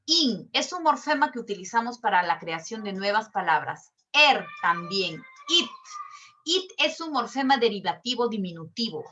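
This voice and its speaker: A woman's voice: medium pitch, sing-song, sharp tone, lo-fi sound, a little hiss or hum. A woman teacher explaining a lesson in an online class, patient and step by step, checking with questions as she goes. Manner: slow and drawn out. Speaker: language teacher.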